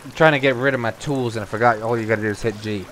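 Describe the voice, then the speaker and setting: Over clear background noise like falling rain, a man with a mid-pitched voice chats casually. He talks as the host of a co-op gaming session, keeping up loose commentary with his teammates. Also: racing, a bit bright, low-quality recording. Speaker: host of a gaming video series. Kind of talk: casual co-op gameplay chat.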